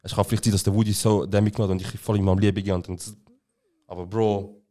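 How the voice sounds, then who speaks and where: A man's voice: fairly low pitch, racing. Laughing Swiss-German young man telling stories. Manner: laughing, animated storytelling with slang. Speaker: podcast co-host. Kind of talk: casual chat.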